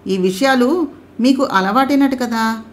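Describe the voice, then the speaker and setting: A woman voicing a shy young bride who speaks softly, with a teasing edge. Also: on the high side, unhurried, close to an everyday voice.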